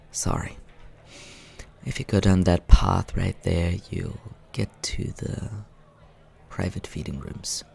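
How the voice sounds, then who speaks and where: The vampire Scaramouche, deep, creaky, and suave, is voiced in full character by an ASMR roleplay performer speaking softly to the listener. He sounds relaxed and explanatory, with a low, creaky, soft quality and a smooth, teasing, leisurely manner.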